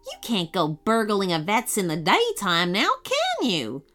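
A woman's voice: medium pitch, huge pitch swings, a little slow, a bit bright, faint music behind. A woman voicing a rude, bossy female burglar in a storybook reading, barking and scornful.

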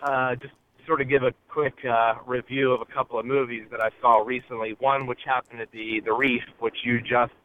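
A man phoning in to a show from his car over a Bluetooth speakerphone, talking in a hesitant way with many filler pauses. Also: medium pitch, little pitch movement. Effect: car speakerphone call over Bluetooth. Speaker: caller. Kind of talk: casual call-in message. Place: inside a car. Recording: tinny phone line from a car.

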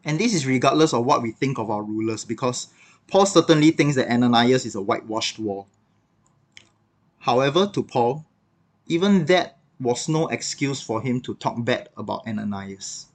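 A man giving a devotional talk on a Bible passage, reflective and conversational, with occasional filler words. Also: medium pitch. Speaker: devotional speaker.

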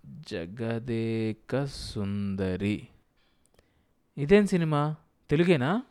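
A man's voice: on the high side, lively intonation, normal speed, darkish tone, pitched above the performer's own voice, lightly acted. A man voicing a naive, simple husband who is bewildered by the city cinema, in an audiobook. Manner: innocent, bewildered.

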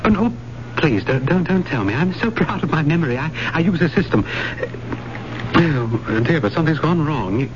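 Fussy absent-minded professor guy acting, halting, swoopy higher voice, muffled radio play. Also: expressive, natural voice. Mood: flustered, charming. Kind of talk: theatrical radio drama acting. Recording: dull lo-fi radio recording, faint noise.

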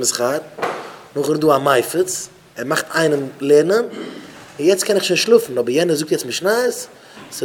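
A man's voice: a little high, a little hiss or hum. A man, a rabbi, giving an informal talk at a Shabbat gathering, repeating phrases and questioning listeners by name. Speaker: rabbi addressing students.

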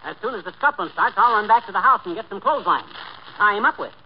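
An actor playing a bossy, scheming, wisecracking husband in a snappy old-time radio comedy style. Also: male voice, high-pitched, expressive, quick pace. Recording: dull, noisy old radio recording.

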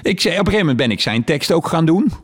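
Man telling lively stage stories. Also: a little high, rapid-fire. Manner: animated storytelling with quoted voices. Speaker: stage performer. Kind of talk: casual conversation.

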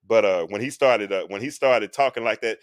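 A man's voice: on the low side, brisk, no room sound. Guy in his 40s talking like a preacher on a live stream, earnest, dry close mic. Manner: earnest, sermon-like, with sung phrases. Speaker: show host being interviewed.

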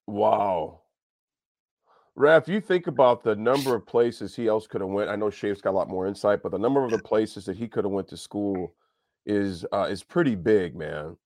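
A man hosting a sports radio show from a studio, chatting loosely with halting restarts. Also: fairly low pitch, darkish tone, no echo. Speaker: radio host. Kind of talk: casual sports radio talk.

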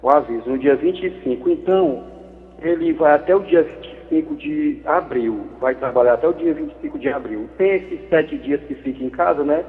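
A man calling in over a landline phone, his voice thin and tinny, with a long hollow echo trailing behind it. He sits a bit high in pitch for a man. He talks in a chummy, joking way and rambles, stumbling over repeated words. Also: moderate pace. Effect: over a landline phone line. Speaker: radio caller. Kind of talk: casual call-in chat.

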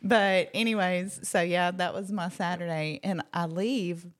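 Lively woman telling a story. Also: on the low side, measured pace. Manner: animated storyteller, acts out quotes, laughs often. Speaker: podcast co-host. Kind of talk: casual chat, storytelling.

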